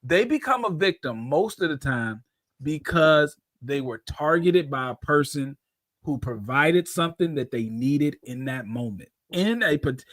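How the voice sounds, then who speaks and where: A man with a fairly high voice hosts a live call-in show, explaining things at length in a loose, conversational way. The sound is dry and close, with no room around it. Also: expressive, unhurried, fairly bright tone, no room sound. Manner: conversational, explains at length, brings callers on air. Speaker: host.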